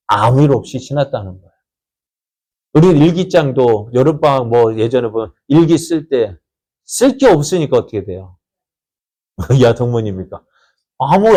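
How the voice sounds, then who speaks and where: A Korean-speaking man preaching to his congregation. He asks questions, answers them himself, repeats phrases for emphasis, and reads scripture slowly. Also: a little mellow. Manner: repeats phrases for emphasis, rising and falling pitch. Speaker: pastor. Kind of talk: sermon.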